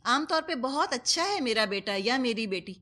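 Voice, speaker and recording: A female Quran teacher with a Pakistani Urdu accent leads a commentary lesson in a slightly high voice marked by big pitch swings and a sharp tone. She explains patiently with examples from daily life and sprinkles in English words.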